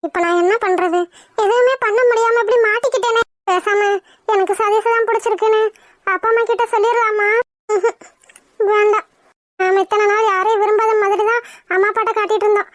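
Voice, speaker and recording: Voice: little pitch movement, fairly quick, a bit bright, no echo, clean studio sound. A performer voicing a young woman in a cartoon who is torn and tearful about leaving her parents. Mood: anxious. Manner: high-pitched, weepy pleading. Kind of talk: cartoon voice acting.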